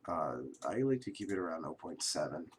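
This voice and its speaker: A man who is sick and coughing, casually talking through a software tutorial at his computer, rambling and correcting himself with fillers. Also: low voice, animated, a little fast, slight background noise. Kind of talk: casual screen-recorded tutorial.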